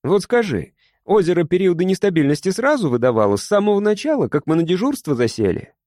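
A man voicing an excitable young man who shouts and rushes his words in a feverish rush. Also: no room sound, studio quality. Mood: frantic. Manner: shouting, high-strung, rushing.

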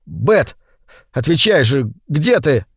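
A man's voice: a little high, big pitch swings, slow, breathy edge, no room sound, clean studio sound, heavily acted. A man voicing a terrified grown man who calls out in fear and pleads in panic. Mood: frightened. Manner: frightened pleading shouts.

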